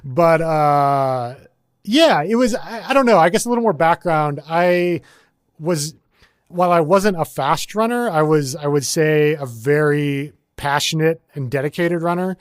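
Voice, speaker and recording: A man's voice: on the high side, lively intonation, a little slow, smooth, no echo, clean studio sound. A man in his forties from the United States, a guest in a casual interview who rambles with many fillers and restarts. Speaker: guest, ultrarunner.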